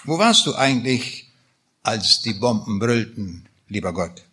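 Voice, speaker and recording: A preacher reading a bitter, grieving returned soldier. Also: male voice, on the low side, expressive, measured pace, pushed and bright, husky, pitched below the performer's own voice, full character voice. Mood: bitter accusing. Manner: accusing, pleading questions.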